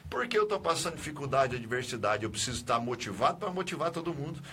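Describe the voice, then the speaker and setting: Bright-voiced male radio pastor. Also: medium pitch, lively intonation, fast talker, slight background noise. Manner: affirming, exhorting, often adds "né?". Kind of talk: religious radio call-in talk.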